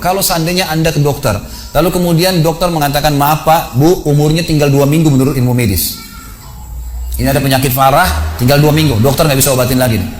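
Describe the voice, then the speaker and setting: Fast-talking preacher man. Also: fairly high pitch. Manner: storytelling, swings from hushed to raised voice. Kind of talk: sermon. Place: mosque.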